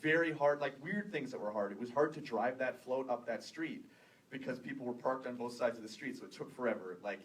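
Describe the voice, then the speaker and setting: A Canadian man in his thirties, a filmmaker guest at a screening Q&A, telling stories casually and animatedly, laughing and quoting people in lively voices. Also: mid-range voice, fairly quick. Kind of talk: casual Q&A storytelling. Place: theater after a screening. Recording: distant room recording with faint noise.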